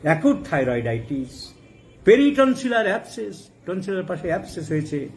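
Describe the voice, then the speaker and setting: A middle-aged man giving a homeopathy lecture, emphatic, rising to forceful high stresses and mixing in English medical terms. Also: big pitch swings, moderate pace, poor audio. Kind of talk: lecture with anecdotes. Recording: faint background noise.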